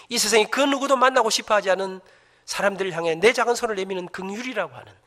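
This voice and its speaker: Bright fast-talking man, echoey church. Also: sits high. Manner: humorous, emphatic storytelling. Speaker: church elder. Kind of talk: testimony talk to a congregation. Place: church sanctuary.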